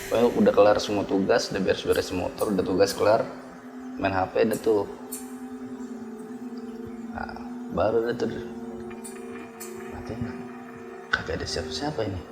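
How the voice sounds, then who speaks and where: A man tells his story in a low voice, laid-back and slangy. He answers in short bits. A clear music bed plays under his voice. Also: fairly even intonation, moderate pace, long pauses. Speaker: interview guest recounting a ghost encounter. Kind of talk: casual chat.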